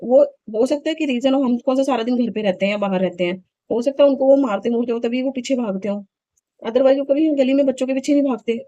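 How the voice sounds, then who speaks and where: A woman's voice: high voice, fast talker, mellow, no echo, dull audio. A woman in her thirties chatting casually in a home vlog, telling a story in an indignant, talkative way. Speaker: vlogger.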